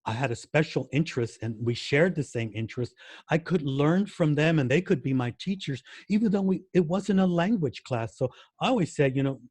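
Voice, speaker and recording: A man's voice: medium pitch, a little mellow, no echo. An American man answering interview questions in a casual way, with many fillers and restarts and words repeated for emphasis. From United States. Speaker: guest language educator.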